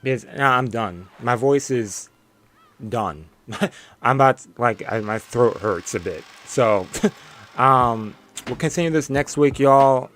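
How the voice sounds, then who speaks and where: A tired young man chats casually as he signs off a stream from his bedroom, rambling with small laughs while losing his voice. His male voice is medium-pitched, slow and fairly bright.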